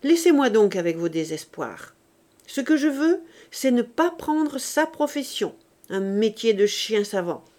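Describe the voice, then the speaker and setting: Woman voicing a bitter, defiant teenage boy, forceful, raised voice, audiobook dialogue. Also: on the high side, unhurried. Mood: angry.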